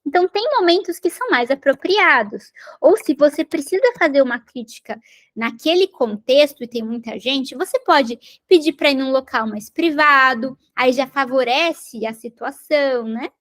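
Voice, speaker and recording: High-voiced woman teaching parents. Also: lively intonation, moderate pace, a bit bright. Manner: explanatory, repeats and rephrases points, tag questions. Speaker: parenting educator. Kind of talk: recorded lecture on parenting skills.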